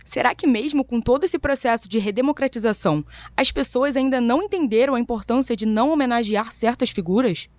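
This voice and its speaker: A woman's voice: fairly high pitch, fairly quick, hardly any pauses, a little mellow, dry recording. A Brazilian woman giving earnest scripted narration for a podcast.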